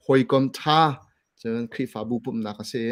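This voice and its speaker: A man speaking casually about church ministry, mixing English words into his talk. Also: fairly quick. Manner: relaxed, mixes English words into speech.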